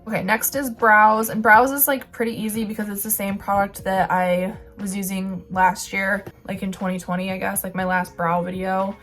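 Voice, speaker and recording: A woman's voice: medium pitch, flat delivery, moderate pace, few pauses, a bit bright, faint music behind. A young woman vlogger chatting casually about beauty products, rambling with lots of filler words.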